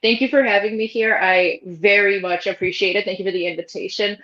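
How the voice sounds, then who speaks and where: A woman, a cosplayer guest, chatting casually with many fillers over a low-quality home mic. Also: fairly even intonation, a little fast, fairly bright tone, dull audio. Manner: chatty, lots of "like, you know" fillers. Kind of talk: casual group chat.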